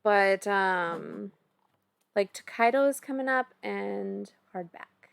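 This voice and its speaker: At home indoors, a woman in her thirties with a Minnesota accent co-hosts a stream, chatting casually as she plays an online board game and thinks aloud through her moves. Her mid-range voice is gravelly yet smooth, slow, and recorded dry.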